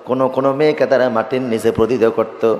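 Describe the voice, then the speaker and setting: A male preacher telling a story in an impassioned sermon, with a sing-song delivery that climbs to loud emotional peaks. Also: mid-range voice, fairly even intonation, quick pace, dull audio. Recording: echoey hall with long reverb.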